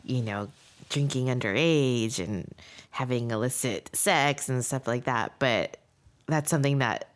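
A woman in her thirties co-hosts a podcast, musing aloud in a casual, reflective, rambling way. Her voice is extremely low in pitch and her pace is measured.

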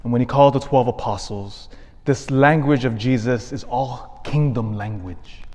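A man's voice: medium pitch, a little mellow. Priest preaching in long cathedral echo, man's voice. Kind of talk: scripture reading and homily. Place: large reverberant church.

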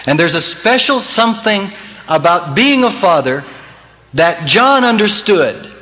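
A male pastor delivering a Sunday sermon, swinging from loud emphasis to soft, close tones and quoting scripture in old-fashioned cadence. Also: high voice, very animated, a little slow. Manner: preaching with wide swings in loudness and emphasis. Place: church sanctuary. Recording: dull 1980s church tape with long reverb.

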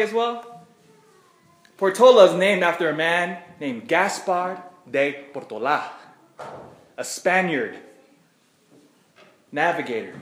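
An American man preaching as a priest in church, addressing the congregation directly in a conversational way. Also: fairly high pitch. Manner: asks the congregation questions, repeats phrases. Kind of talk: Gospel reading and conversational homily. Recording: echoey church.

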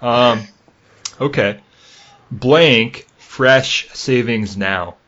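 A man's voice: mid-range voice, drawn-out words, fairly bright tone. A young man from Michigan's Upper Peninsula with a Yooper accent, chatting casually and rambling as a podcast host. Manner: chatty, rambling, laughs easily. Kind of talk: casual chat, quizzing co-host. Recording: dull lo-fi podcast audio.

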